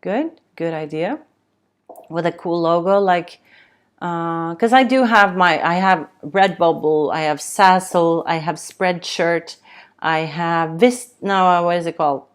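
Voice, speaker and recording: Slow-talking low-voiced woman. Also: clear, resonant tone. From Sweden. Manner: rambling, many fillers and restarts. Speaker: tattoo livestream host. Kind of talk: casual livestream chat reading comments.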